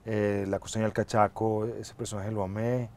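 A middle-aged man, an actor being interviewed on a TV studio set, answering in a reflective, measured and earnest way on a lapel mic. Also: fairly low pitch, little pitch movement, darkish tone. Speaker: actor guest. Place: TV studio set, seated in armchair.

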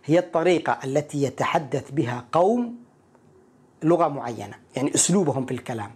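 Quick-talking husky male teacher. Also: fairly high pitch, lively intonation, a little mellow. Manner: explains, repeats each word slowly. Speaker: English teacher. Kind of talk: pronunciation lesson.

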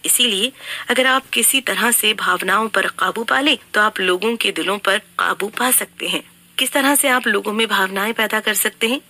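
A woman reading a scripted book summary in an even, instructive way. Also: medium pitch. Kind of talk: scripted narration.

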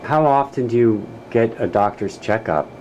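A man's voice: lowish voice, normal speed, darkish tone, muffled recording, a little hiss or hum. A man asking questions as the interviewer in a casual, conversational interview.

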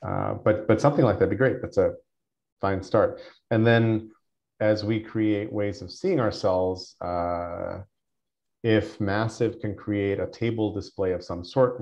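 A man's voice: on the low side, darkish tone, highs cut off. A man hosting a meeting over a conference call, rambling with frequent restarts. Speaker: meeting host. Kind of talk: casual meeting chat.

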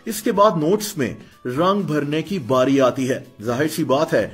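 A man reads a scripted explainer voice-over in a fairly high, husky voice. He keeps a steady teaching pace and often turns to the listeners as friends. Soft music plays faintly underneath. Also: unhurried. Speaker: explainer video narrator. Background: faint background music.

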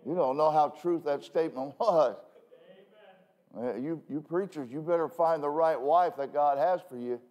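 A male pastor preaching a sermon from the pulpit in a conversational way, full of self-deprecating asides and quick "okay?" checks with the congregation. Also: a little high, lo-fi sound. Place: church pulpit.

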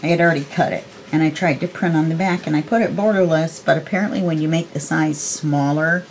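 A crafter of about sixty chats through her tutorial at a craft desk indoors, folksy and self-deprecating as she thinks out loud. Her deep voice holds a steady tone, she talks a little fast, and there's slight background noise.

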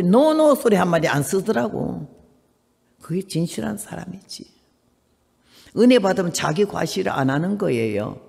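An older woman missionary preaching a sermon, telling stories with dramatic swings between soft and loud speech. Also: mid-range voice, gravelly, long reverb tail.

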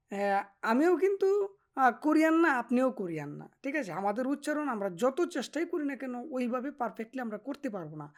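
A woman teaching a vocabulary lesson to learners. She is patient and encouraging, explains slowly with hesitant fillers, and keeps checking in with the class. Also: a little high. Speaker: Korean language teacher.

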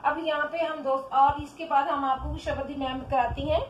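A woman teacher giving a children's Hindi phonics lesson, drawing syllables out slowly and calling the children "beta". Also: high voice, little pitch movement, highs cut off. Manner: slow, drawn-out syllables for children. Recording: echoey room with faint background noise.

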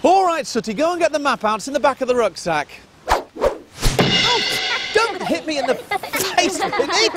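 Excitable high-pitched male kids show host. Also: moderate pace, pauses often, loud music behind the voice. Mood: exasperated lecturing. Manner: kids show host, exclaiming and mock-stern. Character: fussy, excitable man leading children's camping trip. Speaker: children's TV show presenter. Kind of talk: scripted children's comedy acting.

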